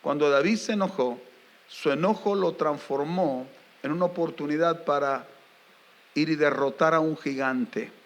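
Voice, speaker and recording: A pastor preaching a sermon to his congregation, animated and emphatic, asking rising questions and mixing in jokes. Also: a little high, moderate pace. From Argentina.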